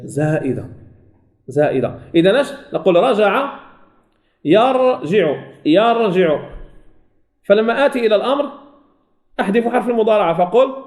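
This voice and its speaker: High-voiced sheikh drilling recitation. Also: male voice, big pitch swings, a little mellow. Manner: explains step by step, asks and answers his own questions; repeats and drills example words slowly. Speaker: sheikh teaching Quran recitation rules. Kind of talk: recorded tajweed lesson.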